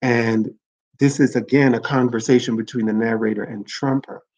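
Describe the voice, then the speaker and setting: A man's voice: mid-range voice, fairly even intonation, moderate pace, a little mellow. Earnest man talking books, dull audio. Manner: earnest, reflective, restarts phrases to correct himself. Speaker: livestream host discussing literature. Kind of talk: informal literary talk with read-aloud excerpts.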